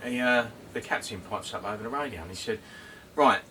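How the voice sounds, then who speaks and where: A man's voice: mid-range voice, a little fast, bright, forceful tone. A man with a southern English accent chatting casually outdoors in the wind, rambling informally with some hesitation. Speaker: co-host. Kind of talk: casual vlog chat. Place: outdoors on a windy day. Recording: windy outdoor mic, noisy, distant.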